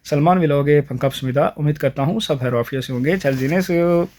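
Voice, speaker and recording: A man running a casual vlog lesson on Korean fruit names, saying each word several times and filling pauses with a stock phrase. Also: a little high, darkish tone. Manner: repeats each word slowly, fills with "theek hai". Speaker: vlogger teaching Korean words.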